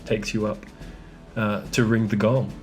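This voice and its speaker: A man narrating as game master of a tabletop game, relaxed and often laughing, with halting restarts. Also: lowish voice, faint music behind.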